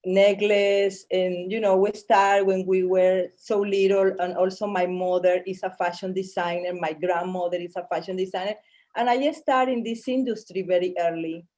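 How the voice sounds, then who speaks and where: Female interview guest, Colombian Spanish accent, soft-edged mellow tone, halting delivery with repeated phrases. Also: mid-range voice, steady tone. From Barranquilla, Colombia. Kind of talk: casual interview chat.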